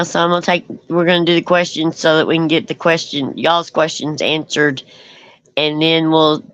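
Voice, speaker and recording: Chatty woman, low voice. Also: a bit bright, no echo, muffled recording. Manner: chatty, rambling, laughs easily. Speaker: co-host. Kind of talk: casual livestream chat.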